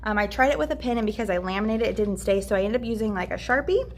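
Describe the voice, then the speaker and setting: This young woman teacher in her twenties talks very fast and expressively at medium pitch while arranging her classroom for a casual vlog. She's upbeat and full of fillers, and a faint hiss or hum can be heard.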